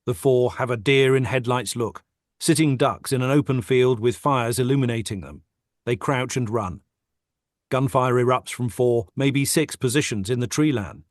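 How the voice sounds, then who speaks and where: At a moderate pace, a man with a middling pitch reads a script's stage directions steadily and matter-of-factly during a plain table read over a video call. The sound is dry and close, with no room sound.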